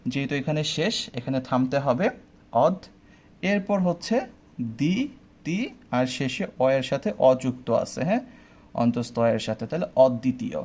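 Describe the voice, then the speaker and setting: Young guy teaching a pronunciation class, slightly high voice, goes slow and keeps asking if you got it. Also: a little mellow. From Bangladesh. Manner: explains step by step, often asking "ঠিক আছে?". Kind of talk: online admission-test pronunciation lesson.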